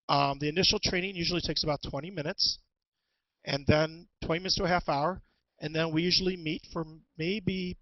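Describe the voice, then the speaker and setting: A man presenting an instructional webinar as a teacher, talking through tools in a halting way with many ums and restarts, on a headset. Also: fairly high pitch, no room sound, dull audio. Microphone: headset with headphones.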